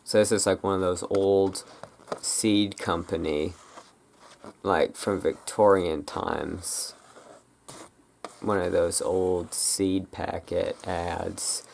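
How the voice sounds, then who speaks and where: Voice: low-pitched, fairly even intonation, slow, vocal fry, a little mellow, a little hiss or hum. An ASMR creator chatting casually and off the cuff, rambling and hesitant, often trailing off. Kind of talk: casual improvised ASMR chat.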